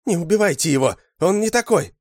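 A man voicing a frantic, pleading woman from a lab, shouting desperately in an audiobook reading. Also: sits high, big pitch swings, measured pace, breathy edge, no room sound, clean studio sound, pitched above the performer's own voice, heavily acted.

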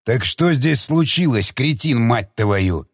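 A man voicing a furious, gruff former army commander who barks abuse at a subordinate in an audiobook. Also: mid-range voice, lively intonation, slow, dry recording, studio quality, heavily acted. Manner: barking, abusive, threatening. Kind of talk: audiobook character reading.

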